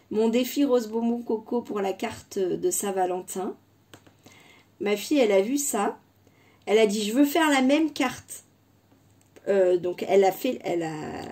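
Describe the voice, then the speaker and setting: A French woman in her thirties, a scrapbooking YouTuber, rambles casually through a haul vlog from her desk at home, full of fillers and restarts. Her voice is mid-range and mellow.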